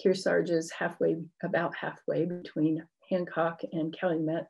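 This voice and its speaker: A woman's voice: low voice, little pitch movement, normal speed, creaky, darkish tone, breathy edge, muffled recording. A middle-aged woman giving an explanatory academic lecture with informal asides, speaking into a computer mic. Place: indoor book-lined room at home.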